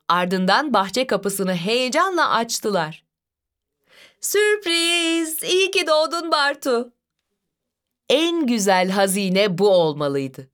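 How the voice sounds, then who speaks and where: A woman reading a children's story aloud in a gentle, expressive storybook narration. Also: mid-range voice.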